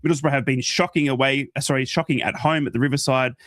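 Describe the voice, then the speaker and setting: Male podcast co-host with a North East English accent, mid-pitched, chatty and animated, dry close sound. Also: quick pace, no echo. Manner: chatty, animated, addresses the others as mate. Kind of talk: casual football chat.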